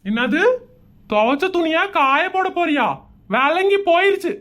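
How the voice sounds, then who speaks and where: A woman's voice: lively intonation, measured pace, a bit bright, heavily acted. A woman voicing a grumbling middle-aged husband in a cartoon, scolding. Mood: impatient. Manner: gruff, scolding, mutters in a low put-on voice.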